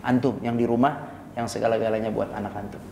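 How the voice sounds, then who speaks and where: A man giving a casual religious lecture, animated and acting out scenes, often asking rhetorical questions. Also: fast, gravelly, a little hiss or hum. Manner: animated, acts out scenes with sudden high-pitched shouts; uses frequent rhetorical tag questions. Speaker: Islamic preacher. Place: prayer room in an office tower. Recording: echoey prayer room with long reverb.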